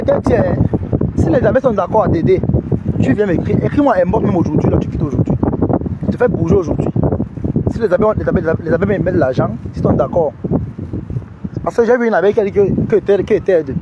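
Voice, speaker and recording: A man giving mocking commentary, scolding and teasing the person he talks to directly. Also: high voice. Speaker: online commentator. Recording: wind noise and street sound.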